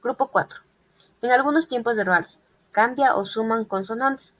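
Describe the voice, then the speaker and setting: A woman's voice: a little high, normal speed, low-quality recording. A woman reading a group class presentation on irregular verbs, listing examples methodically. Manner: methodical listing of verb forms. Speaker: student presenter.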